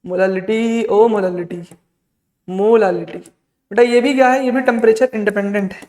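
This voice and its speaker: A man's voice: high voice, steady tone, normal speed, a little mellow. A male chemistry teacher giving an exam-prep lecture. He asks questions and answers them himself, calls the students "beta", and mixes English terms into his talk. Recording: long reverb, echoey room.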